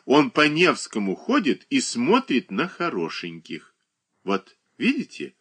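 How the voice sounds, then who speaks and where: A man voicing a capricious, childish young married woman who whines and pouts in a high, drawn-out voice. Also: huge pitch swings, fairly bright tone, husky, full character voice. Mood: whiny coquettish.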